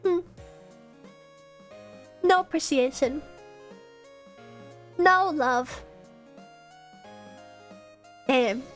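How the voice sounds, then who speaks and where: A woman's voice: high voice, drawn-out words, long pauses, soft background music. A young woman streamer with a stuffed-up nose, chatting and giggling as she reads fan messages. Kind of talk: casual live-stream chat.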